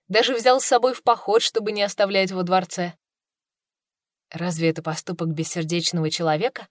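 Expressive woman narrating an audiobook. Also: on the low side, dry recording, studio quality. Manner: expressive, emotional reading. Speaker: audiobook reader. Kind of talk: first-person fantasy narration.

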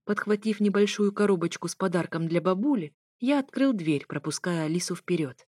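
A woman narrating a first-person audiobook with wry, lively storytelling. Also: lowish voice, brisk, dry recording. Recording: dry close recording.

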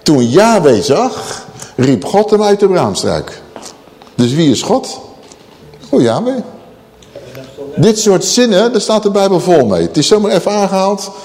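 Male preacher, Bible-teaching sermon, fairly high voice, very lively pitch swings, long hall reverb. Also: a little slow, pauses often. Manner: emphatic, asks rhetorical questions, stretches key words.

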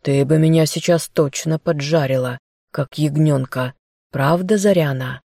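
A woman's voice: sits low, measured pace, creaky, warm tone, no room sound, studio quality, heavily acted. A woman voicing a smug, scheming young man who coaxes and taunts the girl he captured. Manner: smirking, coaxing.

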